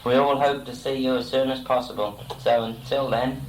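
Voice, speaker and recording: A man's voice: medium pitch, fairly even intonation, moderate pace. A young man speaking a message to relatives in a stiff, formal, self-conscious way. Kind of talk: recorded spoken letter to relatives. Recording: echoey amateur tape, faint noise.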